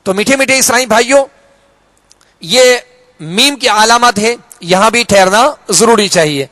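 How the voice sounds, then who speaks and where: A man with a Pakistani Urdu accent, teaching Quran reading in a slow, patient lesson, repeating each rule and drawing out the example words. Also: high voice, fairly bright tone. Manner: patient, repeats key rules, drawn-out Arabic examples.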